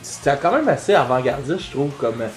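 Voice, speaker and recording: A man with a Quebec French accent co-hosting a podcast in casual chat, animated and slangy, with lots of fillers. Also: medium pitch, a little fast. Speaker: podcast co-host. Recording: roomy echo with faint music.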